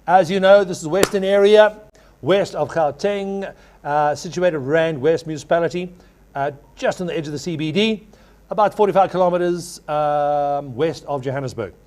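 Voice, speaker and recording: A man's voice: a little high, a little mellow. A man working as an auctioneer, calling a live property auction with courteous address and repeated figures. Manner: repeats figures in rapid chant when taking bids.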